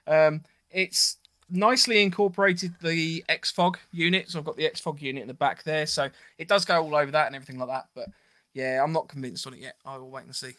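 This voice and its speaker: A man's voice: a little high, steady tone, a little fast, bright, forceful tone, no room sound. A man co-hosting a podcast, chatting casually and rambling a little, with plenty of ums. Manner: laid-back, rambling with many ums. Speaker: podcast co-host. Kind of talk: casual chat.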